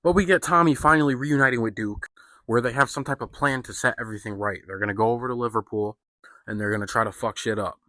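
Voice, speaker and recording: A man talks through a film review in a relaxed, profane way, leaning on slang and filler words. His voice is bright and forceful, and the recording is close and dry, with no room sound. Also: mid-range voice, fast, no echo. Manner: loose and profane, heavy on "like" and slang. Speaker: movie reviewer. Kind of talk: casual spoken film review.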